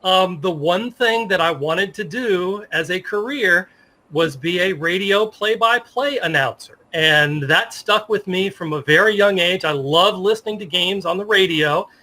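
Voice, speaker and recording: With a high, bright and forceful voice at a measured pace, a Virginia man in his fifties reminisces enthusiastically. He's a sports media professional sharing stories as a guest in a relaxed interview.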